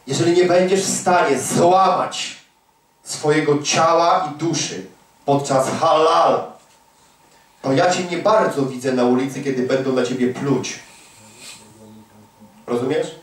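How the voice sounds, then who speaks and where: A man preaching a fervent, emphatic sermon full of rhetorical questions. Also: medium pitch. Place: large echoey prayer hall. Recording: echoey hall recording from far off.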